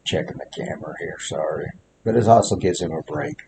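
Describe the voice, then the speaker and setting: A man with a low, deep voice talks through his training work outdoors in the snow. He speaks plainly and keeps coming back to the same short coaching phrases. Faint wind noise sits behind him. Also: brisk. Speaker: horse trainer. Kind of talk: instructional commentary while working a horse.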